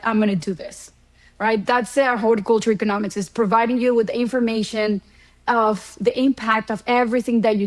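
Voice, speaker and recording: A woman's voice: a little high, low-quality recording. A middle-aged woman from Ecuador, a guest professor explaining her field in a conversational interview, with ordinary fillers and worked examples. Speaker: guest, horticulture economics professor.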